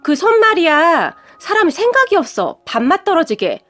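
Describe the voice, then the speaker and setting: A woman voicing a spiteful, quick-tempered middle-aged woman who snaps and talks down to others. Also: high voice, animated, a bit bright. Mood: snapping. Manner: snapping, rude, talks down.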